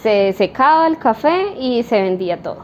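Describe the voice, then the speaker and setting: With a fairly high, sing-song voice at normal speed, a Colombian coffee roaster explains her answers in an interview, peppering them with fillers and tag questions. The audio is dull and lo-fi with a little noise.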